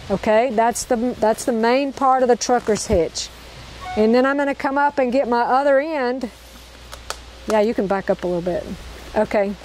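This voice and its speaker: With a slightly high, somewhat mellow voice, a woman teaches knot-tying to a group outside in a park. She stays upbeat, repeats every step and checks in with her learners; the audio is poor, with a little background noise.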